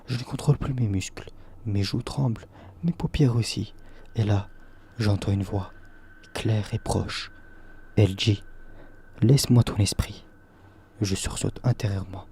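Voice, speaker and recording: A man narrating a first-person horror story for falling asleep, in short, even sentences. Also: lowish voice, a little hiss or hum.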